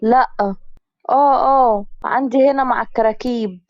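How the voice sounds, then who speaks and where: A woman's voice: a little high, steady tone, normal speed, no room sound, lo-fi sound, close to an everyday voice. A woman with an Egyptian accent voicing a frightened young village woman who frets with constant exclamations. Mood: fretful. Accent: Egyptian Arabic. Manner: fretful exclamations.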